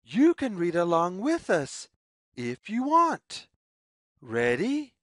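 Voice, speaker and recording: A woman reading a children's picture book aloud as storyteller, with deliberate, sing-song phrasing. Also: fairly low pitch, huge pitch swings, dry recording, clean studio sound.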